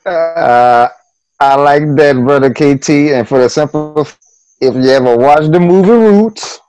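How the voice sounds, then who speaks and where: A man's voice: a little high, measured pace, a little mellow, low-quality recording. A man in casual chat on a video call, telling a story and calling the others "my brother". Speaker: panelist.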